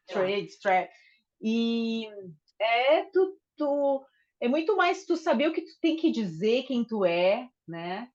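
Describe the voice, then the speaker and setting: Woman, podcast guest, relaxed, conversational, a bit high, dull lo-fi audio. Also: slow. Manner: relaxed, conversational, frequent tag questions. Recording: dull lo-fi sound.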